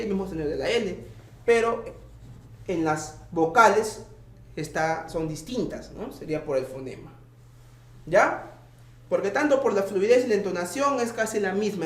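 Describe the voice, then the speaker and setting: A man with a high, light voice walks students through an exam answer by answer. He is patient and keeps checking in with them. The sound is roomy and echoey. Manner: patient, checks in with tag questions. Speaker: teacher. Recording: echoey room.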